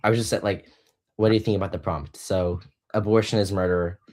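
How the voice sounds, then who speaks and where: Young man, very low voice, debate host, halting delivery, slows to press points. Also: steady tone, darkish tone. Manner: hesitant, restarts often, slows to press points. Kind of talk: casual online debate.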